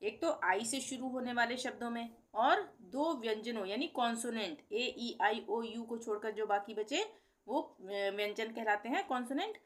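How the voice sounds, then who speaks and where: A middle-aged woman teaching a pronunciation lesson, patiently repeating example words and asking and answering her own questions. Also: on the high side. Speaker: language teacher. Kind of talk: explanatory lesson.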